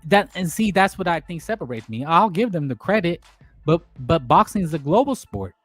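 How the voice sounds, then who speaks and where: A man's voice: a little high, big pitch swings, normal speed, a bit bright, dry recording, soft background music. Man, boxing talk host, rambling casual monologue, emphatic, dry close sound. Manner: rambling, emphatic, repeats himself with fillers.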